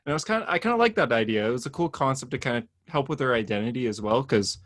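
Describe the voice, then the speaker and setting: Casual guy talking comics news on a podcast, laughs a lot, middle pitch, dry mic. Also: expressive, racing, fairly bright tone, no echo. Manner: chatty, rambling, laughs often. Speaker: podcast co-host.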